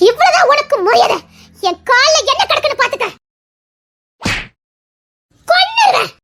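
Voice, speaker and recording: A woman's voice: very high voice, quick pace. A woman voicing a fierce, protective middle-aged village mother in an audio drama, who scolds, curses and sobs. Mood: threatening. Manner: scolding, shouting, cursing, sobbing. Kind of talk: Tamil audio drama acting.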